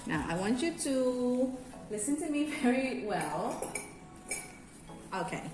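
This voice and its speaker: Very animated and fairly high-pitched, yet taking her time, the Filipino-accented cake decorating teacher from Bacolod talks viewers through a hands-on craft tutorial in a friendly, instructive manner. Music plays behind her in an echoey indoor room.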